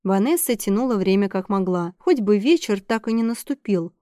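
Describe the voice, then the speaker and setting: A woman reading a romance novel aloud as a steady, even narrator. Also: mid-range voice, normal speed, dry recording, studio quality. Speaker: audiobook narrator. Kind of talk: scripted narration.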